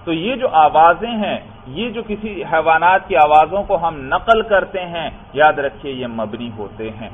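Guy teaching arabic grammar in urdu, reads the arabic slow then explains, keeps checking if students got it, lo-fi phone sound. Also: a little high, expressive. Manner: keeps asking if it is understood, often says "brother". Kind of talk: classroom lesson explaining Arabic text. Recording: tinny phone-like recording with faint noise.

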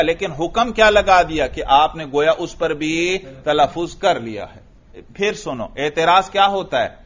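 Male teacher, grammar lecture, reads Arabic slowly, asks and answers his own questions, slightly high voice, dull lo-fi sound. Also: a bit bright. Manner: asks students questions and answers them himself; reads Arabic lines slowly, then explains. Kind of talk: classroom lecture reading and explaining a text. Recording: dull lo-fi recording.

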